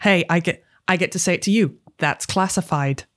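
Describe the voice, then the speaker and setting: A woman in a tabletop game who speaks in character in a slightly low voice. She talks hesitantly, filling gaps with uh's and restarts. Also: steady tone, fast talker, fairly bright tone. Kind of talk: in-character play, casual.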